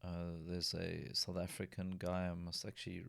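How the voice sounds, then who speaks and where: Low-voiced man in a rambling diary vlog. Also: monotone, normal speed, creaky, fairly bright tone, no echo, clean studio sound. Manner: rambling, with many restarts and yawns. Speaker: vlogger. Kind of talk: casual diary vlog talk. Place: lives in a city in Germany.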